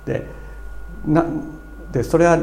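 A man's voice: fairly high pitch, unhurried, gravelly, dark tone. A middle-aged man preaching a sermon in an earnest, explanatory way, with fillers and restarts as he goes. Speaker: pastor.

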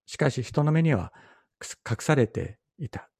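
A middle-aged man, a pastor, giving a Bible teaching sermon in a measured, explanatory way, repeating key phrases for emphasis. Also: mid-range voice, lively intonation, a little mellow, breathy edge, no room sound.

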